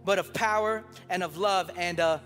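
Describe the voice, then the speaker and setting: A man's voice: sits high, steady tone, normal speed, fairly bright tone, big-room sound, faint music behind. A man in his thirties preaching a sermon, emphatic and building with repeated phrases, telling a story from his own family life. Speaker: pastor. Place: church sanctuary.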